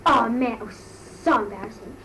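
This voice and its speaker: A woman's voice: fairly high pitch, brisk, crowd noise, natural voice. A woman doing an amateur comic impression of a bratty, gossipy Australian teenage schoolgirl "mole", telling embarrassed, slangy stories in a breathless drawl. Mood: mortified gossiping. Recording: noisy amateur recording, distant mic.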